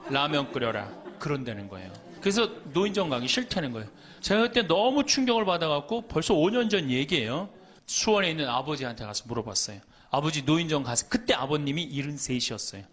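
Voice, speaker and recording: Priest, middle-aged man, humorous lecture; high voice, lively swings, playful quoting. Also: fast talker. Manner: lively, joking, quotes people in little voices.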